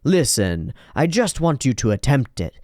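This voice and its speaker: A man voicing a cold, menacing male spirit in a manga reading, speaking slowly and low in a commanding way. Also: sing-song, darkish tone, no echo, studio quality, close to an everyday voice.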